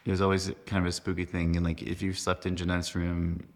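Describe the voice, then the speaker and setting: A man's voice: low-pitched, monotone, fairly quick. A young man telling stories as a podcast guest, rambling with lots of fillers and laughs. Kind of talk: casual storytelling chat.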